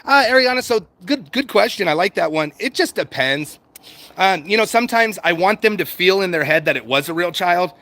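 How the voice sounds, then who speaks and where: Hosting a livestream off the cuff, this middle-aged American man reads and answers chat comments, rambling and circling back on his points while swearing casually. His fairly high voice sounds animated, bright and forceful, and he talks a little fast. There's no echo.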